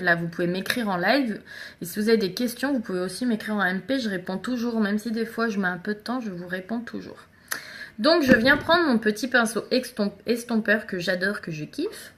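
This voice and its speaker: A woman's voice: medium pitch, pushed and bright. A woman chatting casually through a live makeup tutorial, talking straight to her viewers. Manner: chatty, addresses viewers directly and greets commenters. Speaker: makeup seller doing a live stream.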